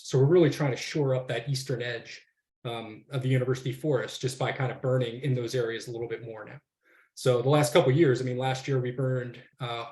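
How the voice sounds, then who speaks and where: A man's voice: mid-range voice, a little mellow, reverberant. A man on the forestry faculty of a university, speaking in a casual, rambling way on a webinar panel, with many fillers and restarts.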